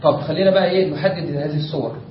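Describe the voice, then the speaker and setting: Egyptian male lecturer, high voice, classroom lesson from a distant dull mic with light hiss. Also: rapid-fire, soft background music. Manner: explains step by step, asks the class rhetorical checks. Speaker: teacher of Islamic jurisprudence. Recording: echoey room, distant lo-fi mic with faint noise.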